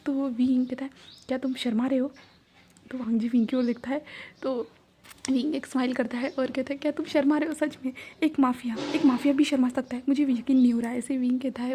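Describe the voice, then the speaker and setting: Soft-spoken woman retelling a romance story. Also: on the high side, husky. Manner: soft, half-whispered, rambling retelling.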